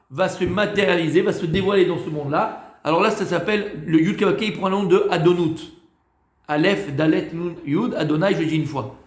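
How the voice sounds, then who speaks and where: A man's voice: high voice, reverberant. A man teaching Torah to a class in a loose, talkative way, repeating phrases, mixing in Hebrew words, stopping to ask his listeners questions, and sounding tired. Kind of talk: informal Torah lesson with questions from students.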